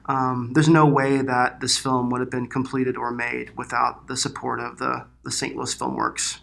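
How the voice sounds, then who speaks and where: Bright, creaky-voiced man in casual interview. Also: mid-range voice, little pitch movement, moderate pace. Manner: informal, hesitant phrasing with frequent "like" and "you know". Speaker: filmmaker guest.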